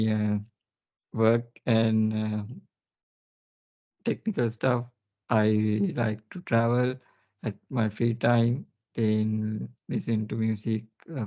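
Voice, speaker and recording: A man from Sri Lanka speaks in a flat, even tone, pausing often on fillers. His voice sits mid-range, and the sound is slightly muffled. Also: on the low side. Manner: hesitant, with many fillers. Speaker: guest co-presenter. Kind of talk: casual conference chat.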